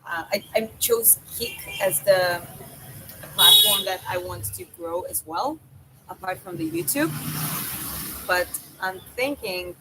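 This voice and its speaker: A woman with a Georgian accent and a slightly low voice talks casually to a livestream chat. She thinks aloud in a halting, informal way, with noticeable noise behind her. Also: animated. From Georgia (country). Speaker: live streamer. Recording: clear background noise.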